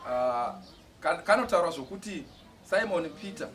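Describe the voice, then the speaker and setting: A man giving a church testimony, speaking haltingly and with feeling, often restarting words. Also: fairly high pitch, animated, fairly bright tone. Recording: distant mic with faint outdoor noise.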